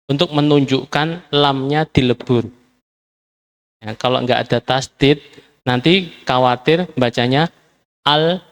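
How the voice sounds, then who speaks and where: A man's voice: mid-range voice, measured pace, pauses often. A man teaching a classroom lesson, patiently drilling words by repeating them. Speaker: Arabic teacher.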